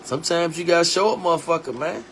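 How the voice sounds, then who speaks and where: A man in his forties hosting a live stream, talking bluntly in street slang and dropping his voice low and quiet to hammer a point home. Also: quick pace, slight background noise. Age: 40s. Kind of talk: casual live stream talk.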